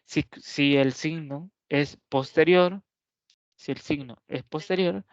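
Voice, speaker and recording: A man's voice: a little high, slow, no echo. Methodical man teaching grammar, dry sound. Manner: methodical, often checks in with "¿verdad?". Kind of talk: explanatory grammar lesson. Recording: dry, slightly dull lo-fi recording.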